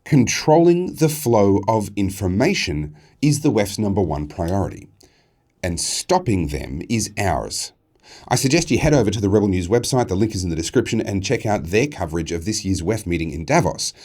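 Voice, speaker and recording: A man hosting a news show, measured and earnest as he presents and interviews. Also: lowish voice, big pitch swings, darkish tone.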